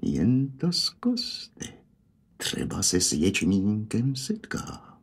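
A man's voice: fairly low pitch, huge pitch swings, slightly rough, pitched below the performer's own voice, heavily acted. A man voicing a small, smiling, sly old man with a thin old voice and a Hanák dialect. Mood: sly teasing. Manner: thin old man's voice, teasing. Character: sly, merry little old man, a disguised king.

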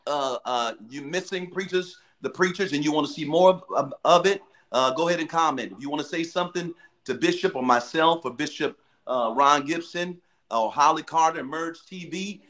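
A man's voice: fairly high pitch, normal speed, sharp tone. A man hosting a live video call, greeting viewers by name and hyping them up. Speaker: livestream host. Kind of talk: lively livestream hosting.

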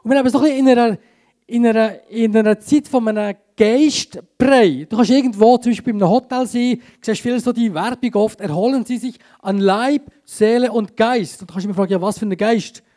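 A man with a Swiss German accent preaching a sermon in church, swinging between urgent emphasis and a hushed tone. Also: extremely high pitch, fairly quick. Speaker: pastor. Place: church service.

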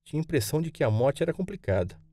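A man's voice: fairly high pitch, sing-song, very fast, warm tone, no echo, clean studio sound, pitched above the performer's own voice. A man doing an eager young boy. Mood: worried. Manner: eager, questioning. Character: young boy, frightened then trusting. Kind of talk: audiobook character voice.

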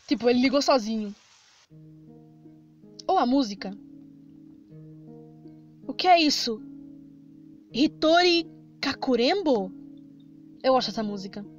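High-voiced Brazilian woman playing a game. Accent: Brazilian Portuguese. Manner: chatty, reading game text aloud and reacting, easily startled. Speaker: gaming streamer. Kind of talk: Let's Play commentary. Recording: slightly dull lo-fi sound with game music.

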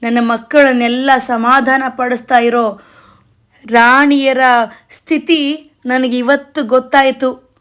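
A woman's voice: sits high, level tone, takes it slowly, pauses often, a bit bright. A woman voicing a proud king who plays a father trying to soothe a crying child, coaxing and then fed up. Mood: exasperated. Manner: coaxing, growing exasperated. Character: boastful emperor Akbar, a king playing father.

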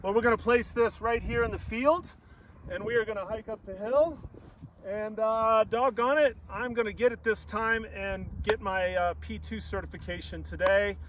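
A man's voice: high-pitched, steady tone, normal speed, recorded from a distance, a little hiss or hum, poor audio. A man in his forties, an upbeat vlog host and paraglider pilot, talking to a harness-mounted action camera in an open field. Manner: upbeat, enthusiastic, shouting to ground crew during launch. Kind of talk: casual outdoor vlog. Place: open grassy field outdoors.

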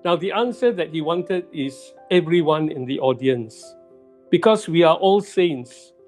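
A middle-aged male pastor giving a sermon in a church, speaking slowly and deliberately and repeating key phrases for emphasis. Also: a little high, expressive, a little mellow, faint music behind. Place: church sanctuary.

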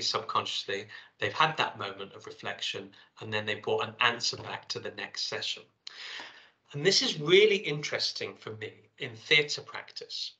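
A man's voice: fairly low pitch, sharp tone, low-quality recording. A middle-aged man giving a seminar presentation, talking through his slides and reading his field notes aloud. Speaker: lecturer.

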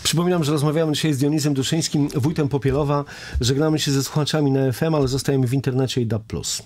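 A middle-aged man hosting a radio studio interview, chiming in briskly and steering with leading questions. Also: medium pitch, fairly even intonation, a little mellow. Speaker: radio host. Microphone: studio desk microphone.

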